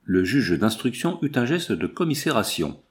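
A man narrating an audiobook in an expressive, theatrical reading style. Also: medium pitch, normal speed. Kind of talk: scripted narration.

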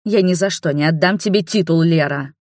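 A woman's voice: deep voice, fairly quick, dry recording, clean studio sound, lightly acted. A woman voicing a spoiled young princess who is furious and demanding, speaking in a raised, indignant voice. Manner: indignant, shouting.

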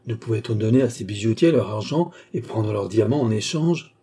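A man's voice: on the low side, lively intonation, brisk, mellow, husky. A man voicing a proud impostor ambassador who is dignified but easily alarmed. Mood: agitated. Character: proud, nervous male impostor posing as an ambassador.

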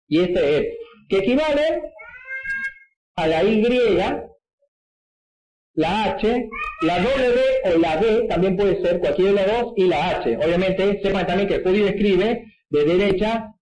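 Man, high voice, patient Bible teacher, echoey room. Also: darkish tone. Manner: didactic, frequent checking "¿sí?" asides. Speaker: preacher teaching at a whiteboard.

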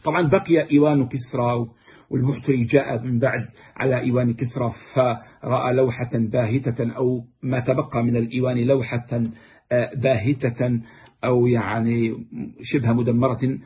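A man's voice: medium pitch, breathy edge. A man lecturing on classical poetry, reciting verses and then explaining them word by word. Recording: dull, muffled lo-fi recording.

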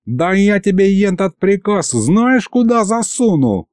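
A man voicing a gruff, fussy old grandfather in an audiobook, with folksy grumbling that turns to yelling. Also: mid-range voice, sing-song, a little slow, dry recording, clean studio sound. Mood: furious. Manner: folksy grumbling, yells when angry. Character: gruff old male house spirit, fussy and hot-tempered.

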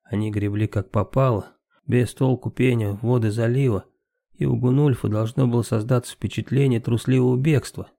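A man reading a story aloud as an audiobook narrator, steady scripted narration. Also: mid-range voice, normal speed, gravelly, no echo, studio quality.

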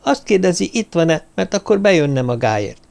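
A woman's voice: fairly low pitch, sing-song, creaky, darkish tone, voice pushed up. Brief: eager, chatty young woman, put on by a male narrator in a raised, lilting voice.

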